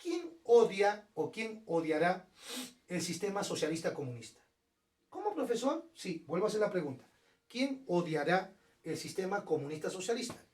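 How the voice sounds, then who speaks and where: Animated teacher, sing-song questions. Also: male voice, sits high, moderate pace, recorded from a distance. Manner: asks and answers his own questions, voicing students. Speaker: history teacher. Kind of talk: lively classroom lecture.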